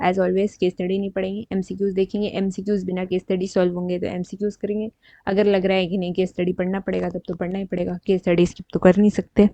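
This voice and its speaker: A woman with an Indian accent solving exam questions aloud as a teacher, reading options slowly in English and explaining quickly in Hindi. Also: medium pitch, level tone, mellow, dry recording, highs cut off.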